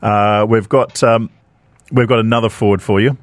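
A man's voice: fairly low pitch, steady tone, normal speed, no room sound. Male radio host reading listener questions; upbeat, dry studio sound. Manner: upbeat, laughs easily. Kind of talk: casual radio hosting.

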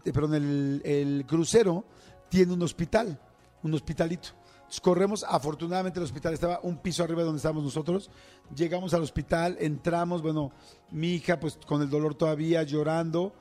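Chatty Mexican man telling a story. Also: fairly high pitch. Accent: Mexican Spanish. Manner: chatty, animated, acts out screams and quotes. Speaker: radio show host. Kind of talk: casual storytelling to listeners.

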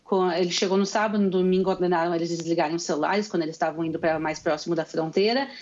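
A young woman from Rio Grande do Sul, Brazil, now living in Israel, speaks with a gaúcho Brazilian Portuguese accent as a guest on a call-in interview. Her fairly low, steady voice comes fast and a little mellow, and she earnestly explains events over a lo-fi remote line with a faint hiss or hum.

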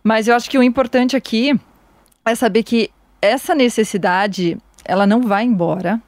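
A woman co-hosts a podcast and explains her points in a reflective way. Her voice is fairly high, and the recording is dry and close. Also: normal speed, dry recording. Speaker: podcast co-host. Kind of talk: podcast conversation.

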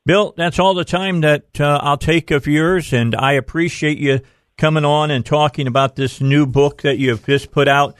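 A man's voice: fairly high pitch, steady tone, normal speed, dry recording, studio quality. A man hosting a political talk radio show in an informal, folksy, conversational way. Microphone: close studio microphone.

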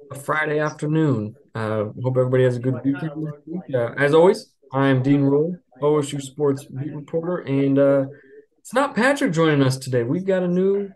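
A man hosting a sports podcast as beat reporter, talking in a relaxed, rambling way with many fillers and restarts. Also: fairly high pitch. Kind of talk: casual sports podcast chat.

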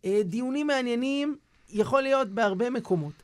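Brief: male rabbi storyteller on a radio show, lively delivery, dry studio sound. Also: very high voice, no room sound. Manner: animated storyteller, acts out scenes.

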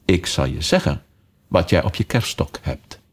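Man doing a chatty little girl, storybook voice, playful scolding, husky tone, lively swings. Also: low voice, normal speed, exaggerated voice. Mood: playfully scolding. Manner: scolding, motherly chatter to a kitten. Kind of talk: storybook character voice.

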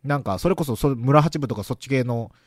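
A man's voice: mid-range voice, fast, dry recording, studio quality. A man with a hosting a radio show, chatting casually in a playful, teasing way and laughing often. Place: radio studio.

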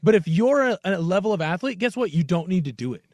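High-pitched, jokey American male co-host. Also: animated, quick pace, darkish tone, dry recording. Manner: jokey, informal, emphatic. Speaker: sports radio co-host. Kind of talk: casual radio chat. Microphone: close studio radio microphone.

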